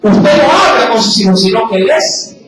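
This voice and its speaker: A man preaching a sermon as pastor, loudly asking his congregation rhetorical questions. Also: very high voice, expressive, normal speed, heavy background noise. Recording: very echoey hall, picked up from a distance.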